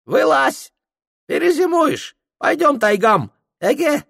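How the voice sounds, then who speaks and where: An old hunter, stubborn and fearful, barks short broken phrases in a high, strained voice. He sounds like a figure in an audiobook, pitched well above a plain reading voice. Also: very animated, slow pace, vocal fry, fairly bright tone, no room sound, clean studio sound, heavily acted. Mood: stubborn, warning. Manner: broken grammar, clipped exclamations. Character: elderly Tungus hunter man, stubborn, fearful.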